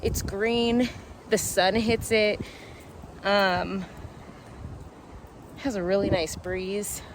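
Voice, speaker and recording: Slow-talking, laughing woman vlogger outdoors. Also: medium pitch, little pitch movement, a little hiss or hum. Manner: chatty, laughs often. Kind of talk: casual chat. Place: outdoors on a hillside. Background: background music.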